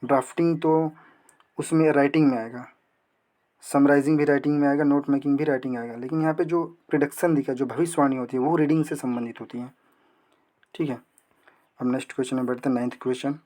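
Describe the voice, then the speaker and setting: A young man teaching an exam prep lesson, asking questions and answering them himself, reading English text slowly. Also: medium pitch, fairly even intonation, dark tone.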